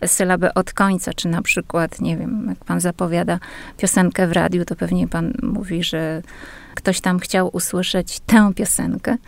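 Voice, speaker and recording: A woman linguist explaining language rules in a measured, patient way, speaking as a guest on a radio interview. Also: on the low side, flat delivery, creaky, dry recording.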